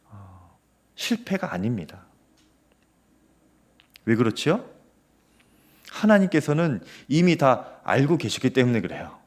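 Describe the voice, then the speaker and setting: A male pastor preaching a sermon at a Friday prayer service, earnest, with many small fillers and rising emphasis. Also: mid-range voice. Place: church sanctuary.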